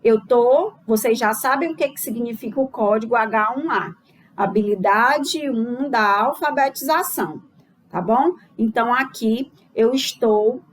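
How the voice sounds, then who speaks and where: A woman's voice: fairly high pitch, unhurried. A woman giving a recorded lesson to teachers, explaining step by step and checking in with the listener after each point. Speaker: teacher trainer.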